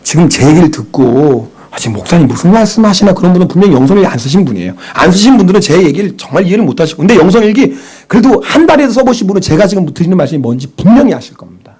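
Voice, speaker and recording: A male pastor preaching in a slightly raised, husky voice. He throws questions to the congregation and answers them himself, then falls to a hush for inner thoughts. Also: high-pitched, big pitch swings, very fast, few pauses. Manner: drops to a whisper for inner thoughts. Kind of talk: sermon.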